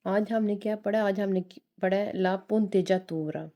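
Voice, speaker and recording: A woman's voice: mid-range voice, fairly even intonation, unhurried, dark tone. A woman teaching a beginner Italian lesson, spelling out and repeating words. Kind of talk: slow language lesson.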